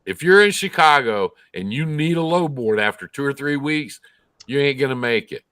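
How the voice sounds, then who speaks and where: A man's voice: medium pitch, animated, moderate pace, a bit bright, clean tone, no echo. A man co-hosting casual trucker talk in a blunt, sarcastic way, swearing freely.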